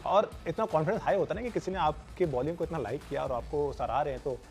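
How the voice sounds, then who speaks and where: A male cricket panelist speaks at a measured pace in a slightly raised pitch. Faint studio music sits underneath his voice. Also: vocal fry, a little mellow.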